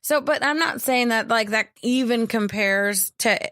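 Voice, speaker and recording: A young woman with a fairly high voice co-hosts a casual podcast. She talks frankly, swears freely and laughs often as she tells stories. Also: a little slow, fairly bright tone. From born in Germany, raised in the US. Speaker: podcast co-host. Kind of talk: casual chat.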